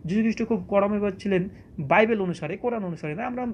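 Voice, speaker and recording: Fast, high-pitched argumentative man. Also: highs cut off, slight background noise. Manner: argumentative, rhetorical questions, quotes scripture. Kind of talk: polemical religious lecture.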